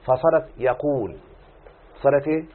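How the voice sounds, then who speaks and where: Egyptian man teaching, tinny husky recording. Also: medium pitch, normal speed. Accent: Egyptian Arabic. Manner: questioning students, drawing out answers. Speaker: teacher of Arabic morphology. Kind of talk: classroom lesson explaining grammar.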